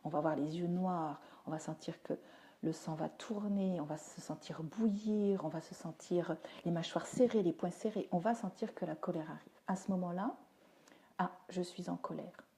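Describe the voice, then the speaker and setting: Speaking at a normal pace in a mellow, lowish voice, this woman hosts a relaxed livestream. She's a teacher and parenting speaker who responds to viewers' comments as they come in, chatting plainly and using lots of fillers, all picked up by a phone or webcam.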